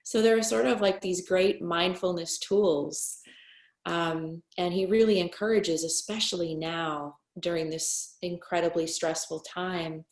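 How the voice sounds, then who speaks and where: A woman's voice: on the low side, steady tone, a little slow. Earnest woman sharing in an echoey room. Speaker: class participant. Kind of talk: sharing in a group class. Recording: roomy echo.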